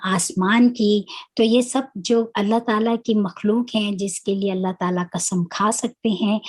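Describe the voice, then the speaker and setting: A woman teaching a religious lesson on Quranic Arabic grammar, explaining patiently step by step and pausing to search for words. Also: mid-range voice. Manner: recites Arabic prayers before teaching.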